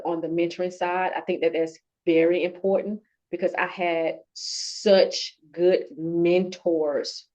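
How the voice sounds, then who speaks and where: A woman talks in an earnest, heartfelt way, her thoughts coming in halting pieces. Her voice sits a little low for a woman. The sound is dull and lo-fi. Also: dark tone. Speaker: award-winning procurement professional, guest. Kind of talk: conversational interview.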